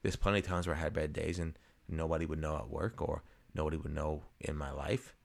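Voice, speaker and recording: A man's voice: a bass voice, steady tone, brisk, gravelly. A man, co-hosting a podcast in casual chat, joking and ranting. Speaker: podcast co-host.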